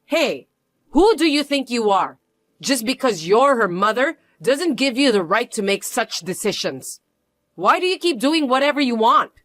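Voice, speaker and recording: A reader voicing an older, entitled mother-in-law who is shrill, pushy and indignant in a scripted audio story. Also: animated, unhurried, fairly bright tone, dry recording. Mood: indignant, demanding.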